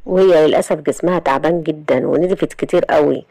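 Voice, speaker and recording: A woman's voice: low-pitched, quick pace, dark tone, dry recording, poor audio. A woman voicing a stern male doctor with an Egyptian accent, scolding in a firm tone. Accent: Egyptian Arabic.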